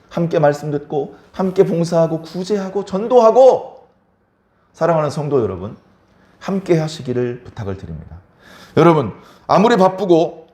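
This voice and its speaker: Male pastor, sermon, emphatic and repetitive, somewhat high voice, echoey sanctuary. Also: a little mellow. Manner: emphatic, repeats key words, asks the congregation questions.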